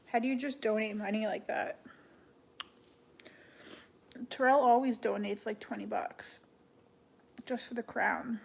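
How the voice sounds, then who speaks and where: A young woman chatting casually on a live stream, answering viewers in an offhand way with many "like" fillers and soft, half-whispered asides. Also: a little high, fairly even intonation, normal speed, gravelly, husky. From Canada. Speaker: livestreamer.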